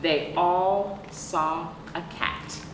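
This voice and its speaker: Reading to young kids at storytime, a middle-aged children's librarian keeps a lowish voice and fairly even intonation, explaining deliberately and asking rhetorical questions about the picture book. The recording is echoey and noisy, made by a camera a few feet away in an indoor room with a sofa.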